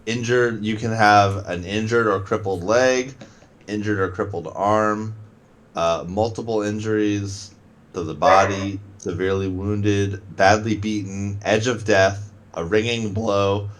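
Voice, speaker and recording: A man narrating as game master of a tabletop game, casual and halting, with lots of fillers. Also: fairly low pitch, steady tone.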